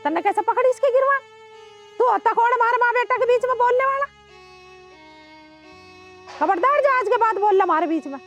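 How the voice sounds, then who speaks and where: A woman's voice: extremely high pitch, animated, fast talker, hardly any pauses, a bit bright, soft background music. Scornful Haryanvi village mother. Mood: defensive. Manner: scolding, dismissive. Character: sharp-tongued village mother, proud and scornful. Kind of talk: Haryanvi film acting.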